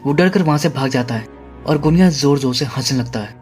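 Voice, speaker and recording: A man's voice: medium pitch, brisk, soft background music. A man narrating a horror movie recap, steadily retelling the plot and paraphrasing the characters' lines. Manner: steady storytelling, paraphrasing dialogue. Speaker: movie explainer.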